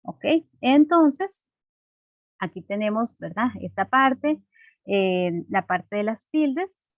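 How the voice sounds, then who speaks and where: A woman's voice: mid-range voice, lively intonation, slow, no echo, muffled recording. A woman teacher explaining a lesson patiently and simply, checking in with her class through frequent rhetorical questions.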